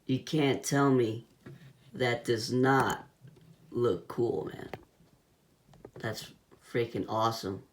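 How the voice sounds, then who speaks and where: A man's voice: medium pitch, slow, pauses often, a little hiss or hum. A man giving a casual hands-on toy review in laid-back, slangy talk, with a whistle on his s sounds.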